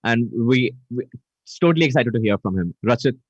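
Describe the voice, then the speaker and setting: Hosting a live event online through a video call, this man speaks with energy, repeating greetings and reading viewers' chat messages out loud. His medium-pitched voice moves fairly quickly and has no echo, though the call audio sounds dull and dry.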